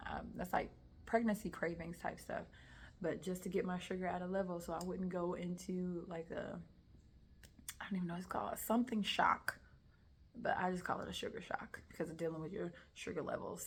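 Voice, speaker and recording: A woman's voice: fairly low pitch, a little hiss or hum. Emotional young woman telling a personal story. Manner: emotional, animated retelling with soft whispered asides. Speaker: testimony speaker. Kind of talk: personal testimony, casual storytelling.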